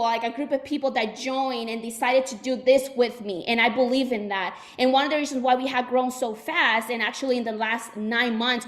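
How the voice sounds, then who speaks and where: Speaking in a fairly high, fairly bright voice, a Puerto Rican woman in her twenties runs a motivational training session for her team. As the insurance agency's owner, she keeps it chatty, with plenty of fillers and false starts.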